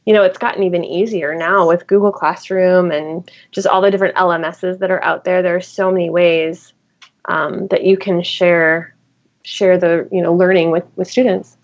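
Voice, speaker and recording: A woman's voice: fairly low pitch, steady tone, normal speed. Chatty woman teacher, dull lo-fi sound. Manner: thinks aloud with many fillers and restarts. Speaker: teacher and guest author. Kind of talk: casual podcast conversation. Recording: dull lo-fi recording.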